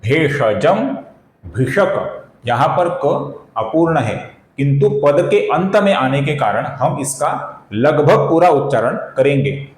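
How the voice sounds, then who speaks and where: Slow, careful male Sanskrit teacher. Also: a little high, reverberant, rough recording. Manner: slow, careful, repeats syllables for precise pronunciation; addresses viewers as friends. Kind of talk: explanatory lesson with slow chanting.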